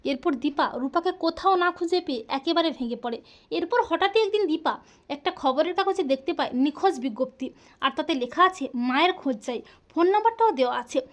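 A woman with a very high, light voice tells a serial's story in a chatty, storytelling way. She speaks straight to her viewers and calls them friends. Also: lively intonation, fairly quick. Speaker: channel host recapping a TV serial. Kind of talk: storytelling narration of upcoming episodes.

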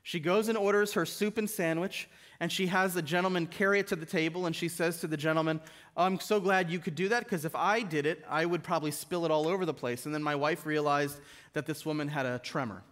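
A middle-aged man preaching a sermon in a church, retelling stories and dropping his voice low and soft for quoted lines. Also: steady tone, fairly quick. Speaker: guest preacher. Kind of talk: sermon with storytelling. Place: church sanctuary.

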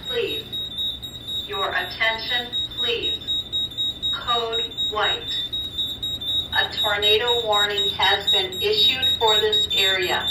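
A woman's recorded emergency announcement played over a loudspeaker after an alert chime, calm, measured and formal. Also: medium pitch. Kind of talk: recorded public address announcement. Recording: echoey loudspeaker from far off, loud alarm noise.

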